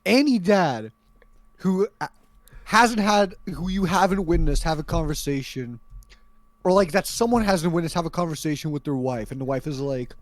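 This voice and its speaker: A man's voice: fairly high pitch, expressive, normal speed, no room sound. A young man co-hosting a podcast, bantering in slangy, profane talk. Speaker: podcast co-host. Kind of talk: casual chat.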